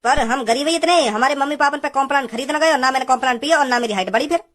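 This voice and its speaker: A cocky little cartoon man voiced by a woman who talks high and quick. He is brash and boastful, rattling off long rambling tales. A comic cartoon voice. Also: fairly bright tone. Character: tiny cocky grown man Kaliya, 32. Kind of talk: cartoon voice acting.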